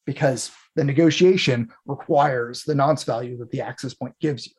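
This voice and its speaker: A man's voice: mid-range voice, normal speed, darkish tone, husky. A man in the role of host, talking through technical material in an informal, explanatory way and thinking aloud as he goes.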